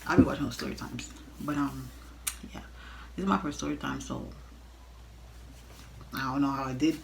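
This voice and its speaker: A young woman telling a casual, animated storytime rant, blunt and exasperated, swearing freely as she talks straight to viewers. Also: extremely low pitch, normal speed, creaky, a little hiss or hum, rough recording. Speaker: storytime vlogger.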